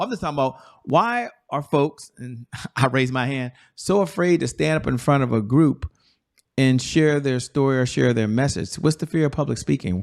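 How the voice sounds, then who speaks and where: A man hosting an entrepreneur interview show, enthusiastic and emphatic, repeating words for effect. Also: fairly high pitch. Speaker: show host. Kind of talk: energetic interview talk.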